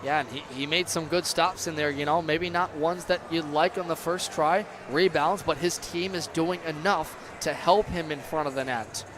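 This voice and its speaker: A man's voice: a little high, moderate pace, hardly any pauses. A man doing live play-by-play commentary of an ice hockey game. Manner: erupts into excited shouts on big plays. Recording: clear background noise.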